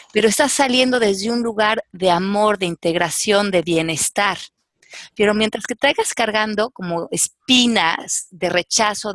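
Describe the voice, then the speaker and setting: A woman, a life coach giving slow, calm, instructive advice on a talk panel. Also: mid-range voice, no echo, clean studio sound.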